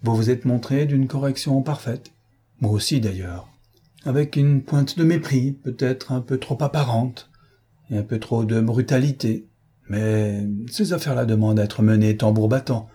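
A man voicing a suave gentleman thief who speaks with polite, self-mocking irony. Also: mid-range voice, moderate pace, husky, natural voice. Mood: ironic.

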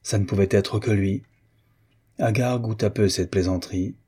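Low, husky male narrator. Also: fairly even intonation, dark tone. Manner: measured, literary reading. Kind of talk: audiobook narration.

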